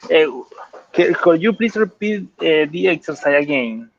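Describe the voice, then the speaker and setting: A man's voice: on the high side, animated, a little slow. A man speaking as a student in an online class, heard through a bad call connection and asking politely to have things repeated. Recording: muffled lo-fi online call line.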